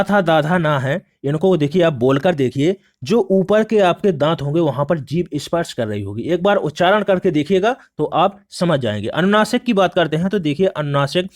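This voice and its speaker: Higher-pitched man teaching grammar. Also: a little mellow. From India. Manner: repeats "dekhiye" often, explains step by step. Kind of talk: exam prep lesson.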